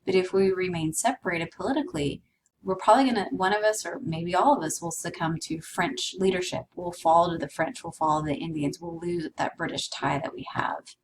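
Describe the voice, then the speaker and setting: Woman, history instructor, low-ish voice, chatty lecture, distant mic with faint hiss. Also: a little fast. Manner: conversational, explains with asides to students. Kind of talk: recorded lecture.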